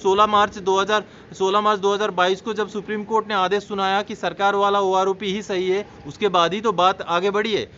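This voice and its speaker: Male vlog host, high-pitched, earnest and explanatory, faint background hiss. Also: flat delivery, a little fast, hardly any pauses, pushed and bright. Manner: earnest, explanatory, addresses viewers as friends. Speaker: YouTube channel host. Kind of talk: informational vlog address. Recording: slightly dull sound with faint noise.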